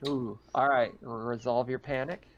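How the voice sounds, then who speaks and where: A man acts as game master for a tabletop horror roleplaying game, shifting between improvised scene narration and casual questions to the players. His mid-range voice is unhurried with fairly even intonation, captured in dull, lo-fi online game audio.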